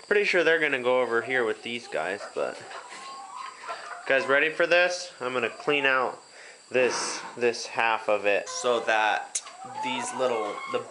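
A man's voice: mid-range voice, a little slow. A young man from Iowa chatting playfully as a vlogger on his farm and in the car. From Iowa, USA. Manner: playful, chatty, jokey with animals. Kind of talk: casual vlog chat. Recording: loud background noise from chickens and traffic. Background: chickens clucking, vehicle noise.

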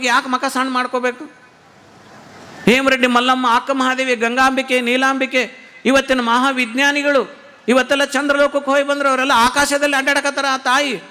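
A man with a North Karnataka Kannada accent delivers a sermon in a very high, bright, forceful voice. He hammers his points home with repeated rhetorical questions, and his voice rings out with a long hall reverb. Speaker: religious teacher giving a discourse.

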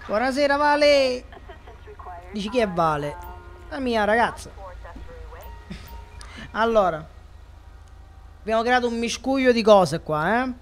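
Streaming a police game, this Catania man speaks with a Sicilian Italian accent, playfully joking and talking to his chat as he comments on the gameplay. His very high-pitched voice is animated yet a little slow, with long pauses, over soft background music.

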